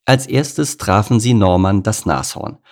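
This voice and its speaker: A man narrating a children's animal story as an audiobook, reading lively and expressively. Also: lowish voice, measured pace.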